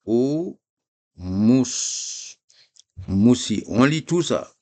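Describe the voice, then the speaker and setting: A man teaching a live reading lesson, explaining slowly and patiently with repeated examples. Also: mid-range voice, lively intonation, creaky.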